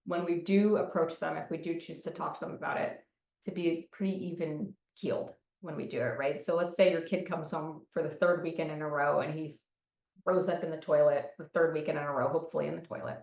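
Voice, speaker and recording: Low gravelly woman, echoey and muffled. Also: steady tone, fairly quick, darkish tone, far from the mic. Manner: conversational, frequent "right?" and "um". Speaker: psychologist presenter. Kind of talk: recorded presentation.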